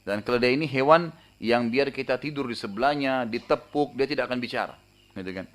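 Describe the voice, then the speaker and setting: A male preacher tells a story to his congregation at a brisk clip. His voice sits at a middling pitch, and his talk is casual and conversational, full of little filler tags. He climbs louder and higher when the story turns dramatic. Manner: conversational, frequent tag fillers; animated retelling, raising voice for dramatic moments. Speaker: Islamic preacher. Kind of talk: storytelling sermon.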